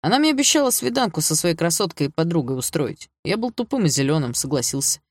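A man's voice: fairly high pitch, very animated, fast, no room sound. A guilty, jittery young guy in an audiobook, voiced by a male reader. He rambles in slang and pleads his case, his voice a touch raised and pushed. The sound is close and dry. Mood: pleading. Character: nervous young man, guilty, whining excuses.

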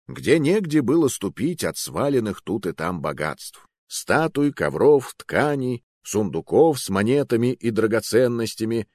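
A man reading a first-person adventure story aloud as an expressive audiobook narrator. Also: on the low side, dry recording, clean studio sound.

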